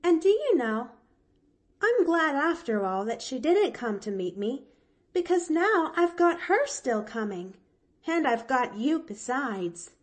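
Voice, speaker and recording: Brief: high, lively little girl, chatty and eager, storybook read-aloud, voiced by a woman. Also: slow. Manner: breathless, gushing, chattery. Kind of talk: audiobook character voice.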